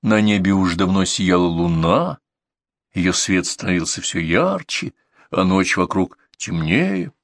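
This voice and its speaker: Gravelly male storybook narrator. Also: low voice, animated, unhurried, dry recording, clean studio sound.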